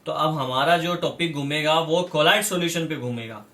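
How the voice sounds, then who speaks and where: A man with a high-pitched voice teaches chemistry as a classroom lecture, walking through each idea step by step and repeating the key terms. He sounds set back from the mic, in a room with a noticeable echo. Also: normal speed, pushed and bright, recorded from a distance.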